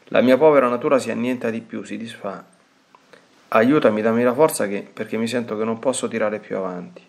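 A man's voice: mid-range voice, vocal fry, lightly acted. A man reading the words of a fearful, devout woman pleading for strength. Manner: trembling plea, read plainly.

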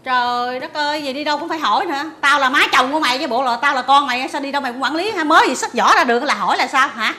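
A woman's voice: high-pitched, rapid-fire, hardly any pauses, pushed and bright, roomy sound. Cranky old mother-in-law. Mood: annoyed. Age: 60s. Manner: scolding, exasperated, exclaims often. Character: cranky sixty-year-old mother-in-law, exasperated, scolding. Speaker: mother-in-law in a TV comedy sketch. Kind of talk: TV sitcom acting.

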